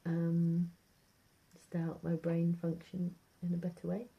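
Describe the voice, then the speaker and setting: The recording is muffled and noisy, an amateur home video of a British vlogger chatting casually about her food diary. Her lowish voice is creaky, husky and monotone, unhurried, and she hesitates, rambles, trails off and repeats herself a lot.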